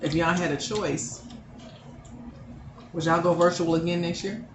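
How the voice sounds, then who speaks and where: Blunt, joking mom in an echoey room. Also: female voice, lowish voice, measured pace. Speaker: mother and channel host. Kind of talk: casual mukbang chat. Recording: echoey room with steady background noise.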